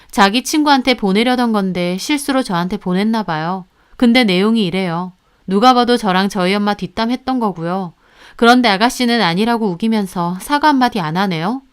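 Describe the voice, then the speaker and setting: A woman's voice: medium pitch, smooth. A woman telling a first-person story in a matter-of-fact, indignant way, as scripted narration.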